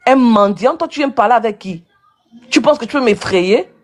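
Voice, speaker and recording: A woman's voice: on the high side, lively intonation, normal speed. A woman in a heated online rant, hurling insults and repeating her accusations. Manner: insulting, combative, repetitive name-calling. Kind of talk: angry live-video rant.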